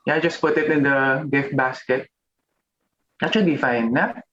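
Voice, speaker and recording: A man's voice: mid-range voice, measured pace, a bit bright. A man performing an improvised comedy scene on stage in conversational dialogue. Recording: muffled, slightly noisy stage recording.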